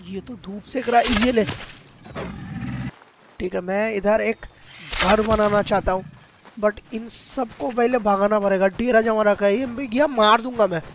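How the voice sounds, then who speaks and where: A high-voiced man with a Hindi-speaking Indian accent commentates his gameplay live, excitable and chatty as he calls out to viewers. Game sounds and ambience run clearly behind him. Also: unhurried, noisy background. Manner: excitable, addresses viewers as guys.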